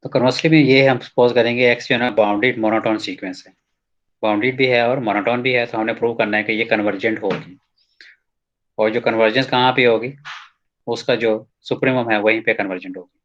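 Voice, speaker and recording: Teaching a math proof in a recorded lecture, a man slowly reads out textbook lines and then unpacks them in casual Hindi, slipping in English terms and often saying "ठीक है" to check in. His voice is medium-pitched and a bit bright with fairly even intonation, and the sound is lo-fi.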